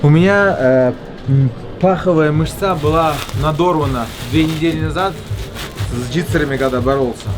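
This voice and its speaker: A man's voice: fairly high pitch, moderate pace, music in the background. A man, a fighter, talking casually and colloquially in short bursts in an interview. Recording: noisy crowd behind voice.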